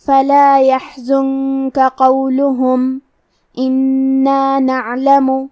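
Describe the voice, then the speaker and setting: A woman's voice: high-pitched, mellow, no room sound, studio quality, far from the mic. A woman teaching Quran recitation rules step by step, patient and methodical. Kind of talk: tajweed lesson explaining rules.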